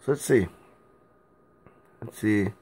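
A young man, drunk, giving a rambling casual vlog rant in a halting, loose way and repeating himself, recorded on a phone held at arm's length in a small room at home. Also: on the low side, a little mellow, slightly rough.

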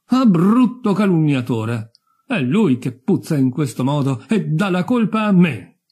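Man doing a shrill indignant lady. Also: sing-song, a little slow, warm tone, slightly rough, full character voice. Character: shrill, coarse lady, middle-aged. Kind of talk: audiobook character voice.

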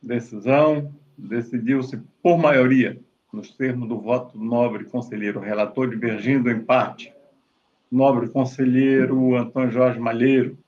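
A man, the court president, chairing a virtual session with brisk, formal procedural calls over a video call. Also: medium pitch, fairly even intonation, highs cut off.

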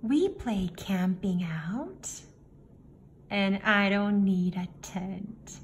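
A woman reads a picture book aloud to young children in an animated mid-range voice, very unhurried and deliberate, with simple phrasing and pauses between phrases. She's in an indoor room with the book filmed on a table, and faint room noise sits behind her voice.

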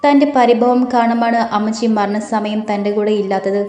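Female audiobook narrator, steady and gently dramatic, warm tone, roomy recording. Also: on the high side, moderate pace, faint music behind. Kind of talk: scripted story narration. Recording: roomy echo.

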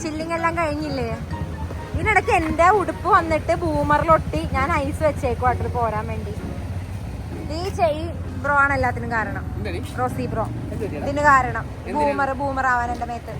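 High-pitched Malayalam-English mixing woman vlogger. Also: moderate pace, low-quality recording. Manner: mixes English words and slang into Malayalam. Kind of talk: casual vlog chat to camera and friends. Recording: loud music and crowd noise behind. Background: music, crowd chatter.

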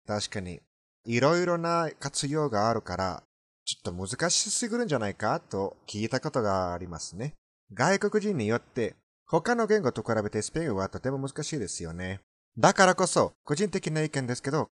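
Male language commentator, Spanish native with foreign accent, animated intonation, dry recording. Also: mid-range voice, no room sound.

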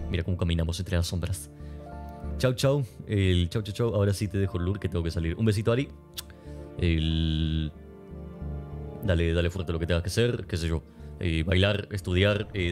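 A young man, raised in Spain and Argentina, casually chatting with his stream chat while gaming, coughing now and then. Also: sits low. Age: young adult. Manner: rambling, joking, answering chat. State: persistent cough. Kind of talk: casual gameplay commentary, reading chat. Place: home streaming room. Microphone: desk mic near webcam. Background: game music.

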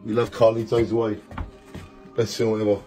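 A man in his forties filming a casual home vlog on a phone at arm's length, rambling upbeat and dropping into soft murmurs. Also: on the low side, completely flat delivery, moderate pace, soft background music. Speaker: vlogger. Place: small home, indoors. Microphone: phone held at arm's length.

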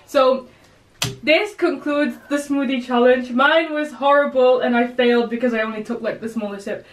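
A woman's voice: high-pitched, moderate pace, roomy sound. A woman vlogging a food challenge with her siblings, chatting casually in a giggly, teasing way. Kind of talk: casual chat. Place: indoors at a table. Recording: distant camera mic with background music.

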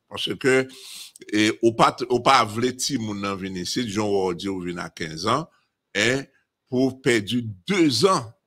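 A man's voice: lowish voice, sharp tone. A man from Haiti with a Haitian accent, talking emphatically in a casual discussion and often repeating and restarting phrases.

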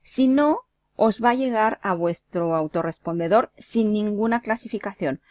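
A woman's voice: mid-range voice, normal speed, a little mellow, dry recording. A woman from Mexico teaching web marketing, talking casually through each click step by step in a screen-share tutorial.

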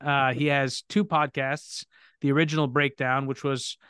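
With a smooth, medium-pitched voice at normal speed, a man runs a live podcast Q&A. He's energetic and keeps restarting sentences to fix them. The sound is studio quality, with no room sound.

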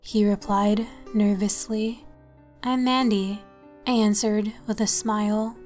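A woman narrating a horror story in the first person, with a soft, calm delivery. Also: mid-range voice, a little slow, soft background music.

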